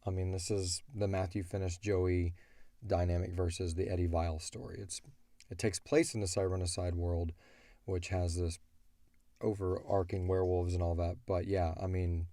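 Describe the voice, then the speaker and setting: Deep, level and dark-toned, this man talks at a normal speed on a clean, dry studio recording. He's the co-host and creator of an audio drama, answering listener questions in a loose, rambling way.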